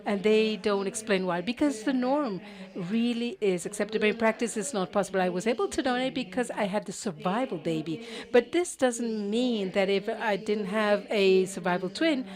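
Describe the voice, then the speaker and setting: A woman interpreting a conference panel live, halting, with cut-off words and restarts. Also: mid-range voice, a little mellow. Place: conference auditorium.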